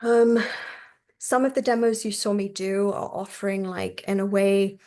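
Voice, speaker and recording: Woman, therapy teacher, conversational class talk, checks in often, mid-pitched. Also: steady tone, moderate pace, warm tone. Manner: acts out client and therapist voices.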